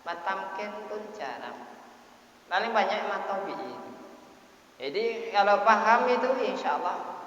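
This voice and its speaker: A man teaching a Quran recitation lesson who chants the Arabic words and often clears his throat. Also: high-pitched, animated, unhurried, pauses often, a bit bright. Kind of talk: tajwid lesson. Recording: dull, echoey hall sound.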